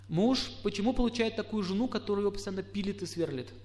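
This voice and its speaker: High-voiced man lecturing a live audience. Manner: lively, acts out quoted spouses, asks the room questions. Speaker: astrologer lecturer.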